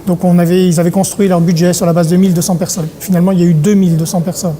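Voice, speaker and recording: A middle-aged man from Paris, an event organizer talking in an interview, pausing often on filler sounds. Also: sits high, little pitch movement, mellow. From Paris, France. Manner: hesitant, many filler sounds. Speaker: congress organizer. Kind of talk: interview monologue.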